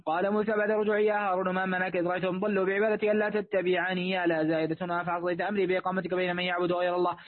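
A man reading a classical commentary aloud as a student, in a fast monotone with quick self-corrections. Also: high voice, dry recording. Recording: dry, phone-like line.

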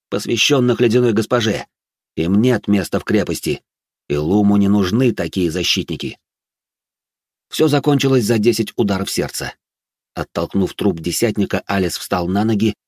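A man narrates a fantasy novel in a steady, measured reading voice. His voice sits low, and the recording is dry and close, with no room sound. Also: no room sound. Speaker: audiobook narrator.

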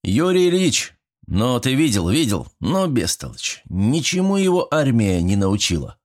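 A man voicing a gruff, bossy one-armed elderly school caretaker and war veteran who barks and scolds his son. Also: medium pitch, big pitch swings, unhurried, darkish tone, pitched above the performer's own voice. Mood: scolding. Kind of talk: audiobook character voice.

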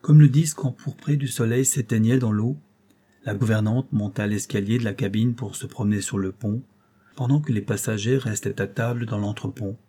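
A man narrating a classic novel with a measured, steady storytelling delivery. His voice is warm and mellow, with a husky, slightly breathy grain. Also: lowish voice. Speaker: audiobook reader. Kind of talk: reading a novel aloud.

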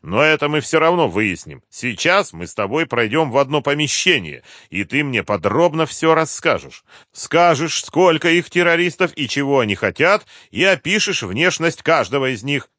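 A man's voice: a little high, big pitch swings, normal speed, sharp tone, dry recording, studio quality, pitched above the performer's own voice. A male narrator voicing a hard-nosed male colonel who issues blunt threats and commands. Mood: commanding. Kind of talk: audiobook character voice.

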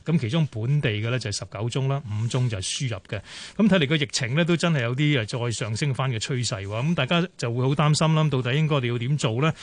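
Brisk Hong Kong radio host, dry mic. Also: male voice, mid-range voice, dry recording. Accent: Hong Kong Cantonese. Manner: brisk, many fillers and pauses. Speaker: radio talk show host. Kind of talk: radio phone-in hosting.

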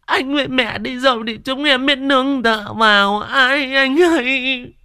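A man putting on a shrill wailing schemer woman. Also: pushed and bright, smooth, dry recording, clean studio sound, heavily acted. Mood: fake wailing. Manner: theatrical sobbing, drawn-out cries. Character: scheming middle-aged woman fake-wailing at a funeral.

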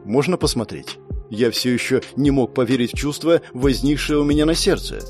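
A man narrating a dramatic first-person audiobook with emotional, expressive delivery over faint background music. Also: mid-range voice, fairly quick.

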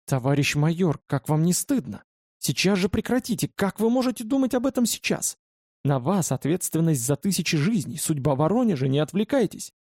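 A man's voice: on the high side, very animated, fairly quick, darkish tone, no echo, clean studio sound. A man voicing a feisty young woman army doctor who scolds sharply and indignantly, in an audiobook.

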